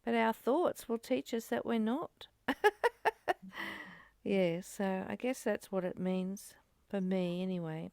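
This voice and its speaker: Speaking earnestly and slowly, with long pauses, a woman hosts a study group's reflective spiritual discussion, partly reading aloud, commenting and often repeating phrases. She has a mid-range, gravelly, darkish yet clean-toned voice. The clean studio recording has no echo.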